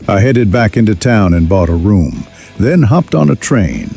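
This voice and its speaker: A man playing a rueful young outlaw drifter, narrating his rough life in a wry, folksy drawl with a gravelly voice. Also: lowish voice, sing-song, measured pace, warm tone, soft background music, full character voice. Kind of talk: scripted first-person western narration.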